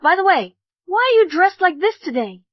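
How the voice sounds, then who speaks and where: An emotional young bride who pleads with those around her. Her voice is high and lively. The recording is dry and slightly dull. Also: moderate pace, no room sound. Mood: upset. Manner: pleading, upset. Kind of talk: English drama dub. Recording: dull dry studio dub.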